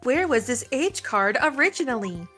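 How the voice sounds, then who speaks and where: A woman chatting and reading aloud on a casual game stream, playful and quick to swear. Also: high-pitched, big pitch swings, a bit bright, faint music behind.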